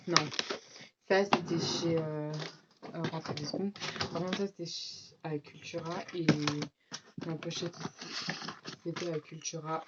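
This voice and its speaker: In her casual back-to-school haul vlog, a teenage girl with a French accent and a mild cold talks in a low, somewhat stuffy voice, wandering through her supplies with many fillers and asides for viewers. The recording sounds muffled and dull, and a distinct hiss runs beneath it.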